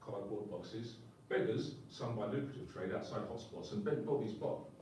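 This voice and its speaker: A man delivering slam poetry in a rhythmic, emphatic spoken-word style, his voice low and mellow. He sounds set back from the mic in a very echoey room, with faint ambience behind him. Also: normal speed, recorded from a distance, a little hiss or hum. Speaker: poet. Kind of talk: live slam poetry performance.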